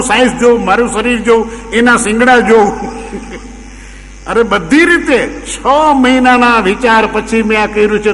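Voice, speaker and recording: A man's voice: extremely high pitch, a bit bright, voice pushed up. A man voicing an indignant, learned village pandit who scolds and justifies himself in a raised voice, with long hall reverb and a faint hum.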